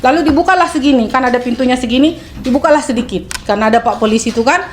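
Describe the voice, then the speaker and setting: A woman with a somewhat high voice retells events step by step, in a plain and steady way. There is a faint hiss behind her. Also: rapid-fire. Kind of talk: personal testimony.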